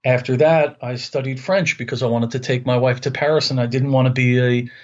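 Here the fifty-something Long Islander with a New York accent has a steady, mid-range voice and speaks a little fast, and the sound is lo-fi. As a guest in a conversational interview, he talks earnestly, frequently repeating words while he gropes for phrasing.

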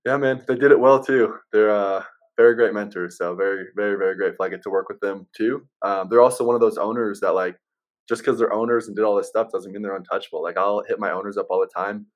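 A man's voice: lowish voice, fairly even intonation, quick pace, dull audio. A man speaking casually as an interview guest, explaining things in an easygoing salesman manner. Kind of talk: casual chat.

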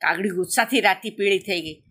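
A woman tells a children's story about a crow family with lively, animated expression. Her voice is bright and forward, sitting at an ordinary pitch for a woman. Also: fairly quick, breathy edge.

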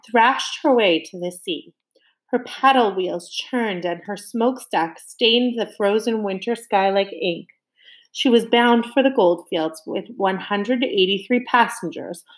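A woman reading a children's novel aloud in a lively way, slowing down for emphasis and turning to her young listeners with questions. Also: mid-range voice. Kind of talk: expressive read-aloud of a novel.

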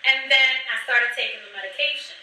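A woman's voice: a little high, fast talker, pushed and bright. A woman chatting casually as a podcast host, telling a personal story straight to her listeners with plenty of fillers. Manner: chatty, addresses listeners directly, many fillers. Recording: echoey room, mic at a distance.

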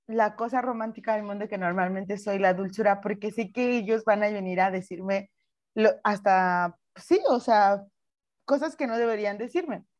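A young woman with a Mexican Spanish accent, co-hosting a casual podcast chat and telling animated stories with acted-out quotes. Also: mid-range voice, lo-fi sound. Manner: animated storytelling, acts out quotes. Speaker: podcast co-host.

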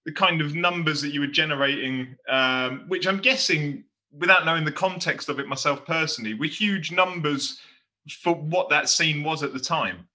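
Male interviewer, bright and a bit high, careful hedging questions. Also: moderate pace.

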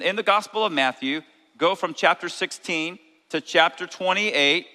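Man, pastor, sermon, high voice, long church reverb. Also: bright, forceful tone. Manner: preaching with rising fervor, calling out to the congregation. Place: church sanctuary.

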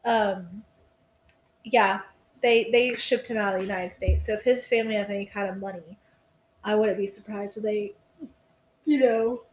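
A woman's voice: mid-range voice, steady tone, normal speed, pauses often, a little hiss or hum, rough recording. A tired young woman co-hosting a casual true-crime podcast, rambling, swearing and restarting her sentences. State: tired, yawning. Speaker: podcast co-host.

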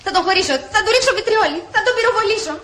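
A jealous, hot-tempered wife in an old comedy film. Her high voice leaps around as she exclaims and threatens, with faint hiss on the old soundtrack. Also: animated. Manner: theatrical, exclaiming, quick to threats. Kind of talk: 1960s comedy film acting.

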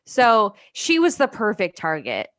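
A woman's voice: mid-range voice, wildly swooping pitch, unhurried, fairly bright tone, dry recording, studio quality. A young woman hosting a casual podcast, telling a history story in a joking, chatty way and swearing freely. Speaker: podcast host.

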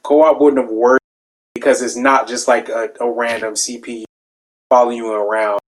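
A man's voice: medium pitch, flat delivery, moderate pace. A man co-hosting a casual gaming chat, talking in slang and repeating himself for emphasis. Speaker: podcast co-host.

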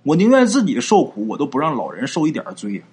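A man's voice: mid-range voice, wildly swooping pitch, fast, a little mellow, husky. A man voicing a worried, earnest middle-aged villager with a bad leg, pleading with a healer.

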